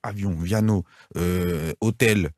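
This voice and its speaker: A man speaking as an interview guest in casual chat, slangy and animated, often checking whether the listener follows. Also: deep voice, slow, dry recording, clean studio sound. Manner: slangy, animated, keeps asking "t'as capté ou pas".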